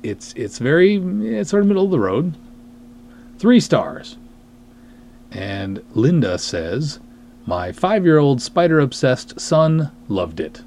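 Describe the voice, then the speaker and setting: The host sounds a little high and sing-song here, speaking slowly with a darkish tone. A writer and director, he runs a podcast monologue full of wry self-deprecation, reading reviews aloud with dramatic emphasis. There's a little hiss or hum on the recording.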